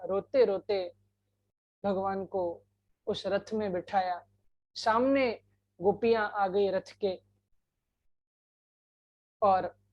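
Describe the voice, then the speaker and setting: A woman narrating a devotional scripture story in an unhurried way, breaking into sung verses. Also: medium pitch, a little mellow, dull audio. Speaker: katha storyteller.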